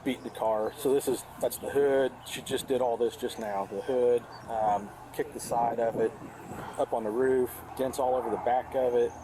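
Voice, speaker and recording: A man's voice: mid-range voice, steady tone, normal speed. A man explaining events to police outside a house, hesitant and full of fillers, caught on a police body camera. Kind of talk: statement to police. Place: outdoors at a house. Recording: noisy body cam audio.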